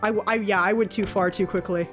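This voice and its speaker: A woman streamer giving casual, chatty commentary while she plays a game, reacting with quick exclamations. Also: medium pitch, steady tone, faint music behind.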